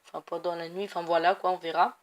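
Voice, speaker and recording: Fast and flat, with a voice on the low side, a young woman of Portuguese heritage runs through casual gameplay commentary as a gaming YouTuber. She rambles, leaning on many fillers and repeatedly correcting herself while playing a video game.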